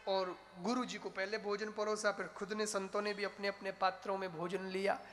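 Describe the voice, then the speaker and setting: A man with a Rajasthani accent telling a devotional story in an animated, dramatic way. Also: high voice, moderate pace, faint music behind. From Rajasthan, India. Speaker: religious storyteller. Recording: reverberant hall, faint noise.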